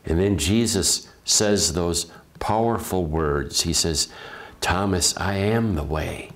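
A priest delivers a funeral homily in a gentle, reflective way. His voice sits very low, and he speaks slowly and deliberately, pausing and restarting as he gathers his thoughts.

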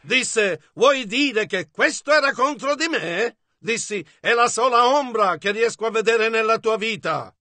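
A man interpreting a sermon line by line in a measured, steady delivery, as a close-miked voice-over. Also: extremely high pitch, no room sound.

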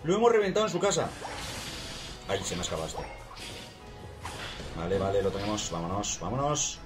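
Excitable Spanish man calling a video game. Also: on the low side, brisk. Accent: Spain. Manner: excitable, cheering and yelling at the game. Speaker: gaming channel host. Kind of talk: excited gameplay commentary. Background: game music.

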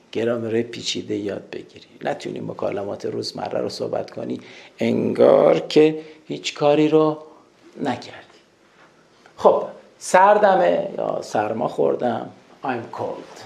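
Man, English teacher, gravelly voice, somewhat high, echoey room. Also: darkish tone, slight background noise. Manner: chatty, addresses students as kids, repeats English phrases slowly. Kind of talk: recorded screen-share grammar lesson.

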